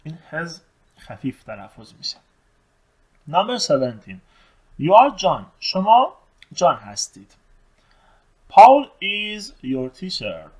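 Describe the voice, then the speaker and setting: A man teaching English, reading test sentences slowly and then translating and explaining them. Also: a little high, husky, low-quality recording.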